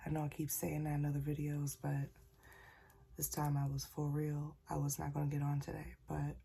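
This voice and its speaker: Slightly sick and keeping her voice down, a woman who channels spirits offers a casual message in a husky, almost whispered, low-pitched voice. Her manner is folksy, addressing listeners as "y'all" and "child."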